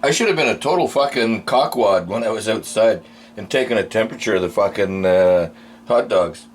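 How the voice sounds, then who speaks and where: A man's voice: lowish voice, a little fast. A man giving a casual, unscripted food review in blunt, crude, rambling, drunken-sounding talk, swearing constantly.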